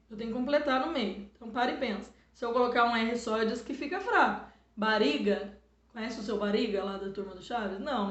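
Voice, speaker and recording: A middle-aged woman teacher with a Brazilian Portuguese accent, patiently explaining a spelling lesson to children and sounding words out slowly. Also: a little high. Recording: echoey room, dull lo-fi sound.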